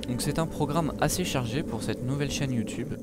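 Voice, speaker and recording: Loud gunfire and zombie game sounds swamp this very noisy clip, where a late-teen French gamer speaks a little fast at medium pitch. His casual vlog talk stumbles with fillers, restarts and self-corrections.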